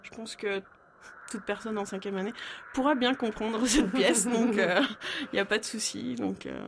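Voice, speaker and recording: A young woman, an art student, speaking haltingly as a guest in a radio interview. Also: on the high side, creaky, a little hiss or hum. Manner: hesitant, halting. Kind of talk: casual radio interview chat.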